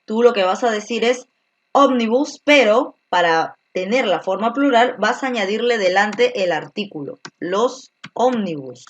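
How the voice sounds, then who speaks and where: A woman's voice: on the high side, moderate pace, highs cut off. Woman teaching grammar, step by step. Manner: explains step by step with many tag questions. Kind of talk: virtual grammar lesson.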